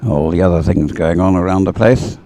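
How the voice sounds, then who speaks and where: A man with a low, mellow voice speaks fairly quickly, giving unscripted live commentary at a sporting event in a rambling, hesitant way with a dry grumble. The live event feed carries music playing over the venue's sound system.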